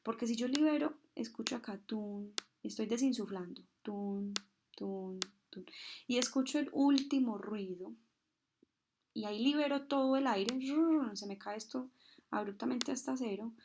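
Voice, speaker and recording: A woman's voice: on the high side, darkish tone, a little hiss or hum. A woman instructor explaining a medical procedure, mimicking heartbeat sounds and answering her own questions. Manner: asks questions and answers them herself.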